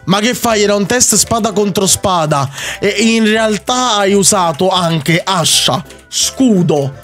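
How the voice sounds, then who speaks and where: Excitable high-voiced Italian gamer man. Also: soft background music. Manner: excitable, rapid repetitions, teasing opponent. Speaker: Minecraft YouTuber. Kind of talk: gameplay commentary.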